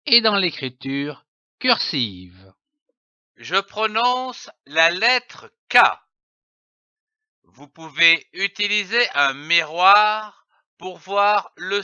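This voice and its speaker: A man giving a slow reading lesson for young children, sounding out letters and syllables one by one with careful, over-articulated diction. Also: sits high, sharp tone, clean tone, dry recording, muffled recording. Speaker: reading teacher.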